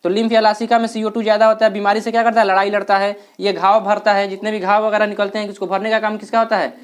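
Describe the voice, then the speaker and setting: Fast-talking male teacher quizzing himself. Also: high-pitched, level tone, clear, resonant tone. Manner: asks questions and answers them himself. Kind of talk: classroom lecture.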